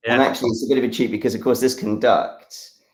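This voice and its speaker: A man's voice: medium pitch, fairly even intonation, fast talker, reverberant. An English man explaining a science demonstration during a live stream. He talks with enthusiasm, rambles, and uses a lot of fillers. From England. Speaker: science educator.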